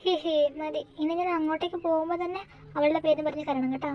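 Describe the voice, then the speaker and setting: Brief: a woman voicing a teasing kid sister, high bright voice, bossy and playful. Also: steady tone, quick pace, dull audio, lightly acted. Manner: teasing, coaxing. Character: bossy, cheerful teenage younger sister. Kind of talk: amateur audio drama.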